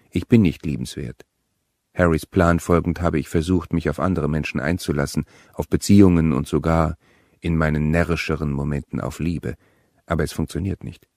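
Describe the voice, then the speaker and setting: Man, audiobook narration, deep voice, cool measured delivery, dry recording. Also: a little mellow, dry recording. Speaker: audiobook reader.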